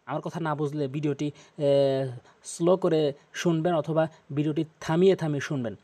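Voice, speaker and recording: A man teaching Quran recitation, repeating each Arabic letter slowly to show how it is said. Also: a little high, fairly even intonation, mellow. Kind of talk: tutorial on pronouncing Arabic letters.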